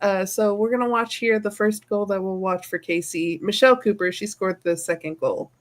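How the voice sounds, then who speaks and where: A woman's voice: medium pitch, steady tone, moderate pace. A woman co-hosting a sports show, giving casual, informal recaps.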